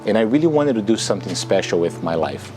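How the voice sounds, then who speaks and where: Talking fast and very animated, a man in his thirties shares an earnest, thoughtful testimonial to promote his book as an author and entrepreneur. His pitch sits fairly low, and his English carries a Brazilian accent from his native Portuguese. Music plays in the background.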